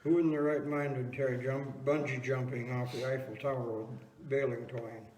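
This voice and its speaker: A man's voice: mid-range voice, flat delivery, moderate pace, darkish tone, a little hiss or hum, lightly acted. A man playing a teasing, folksy older husband in an amateur comedy talk-show skit. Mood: wry, teasing. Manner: folksy, reasoning retorts. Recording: echoey room, distant mic.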